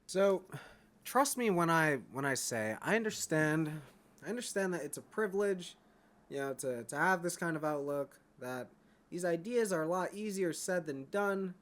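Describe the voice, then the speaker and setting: A man's voice: on the high side, animated, normal speed, fairly bright tone. A man giving a blunt, profane monologue straight to his viewers, often checking in with "all right?". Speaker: vlogger. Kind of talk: unscripted monologue to camera.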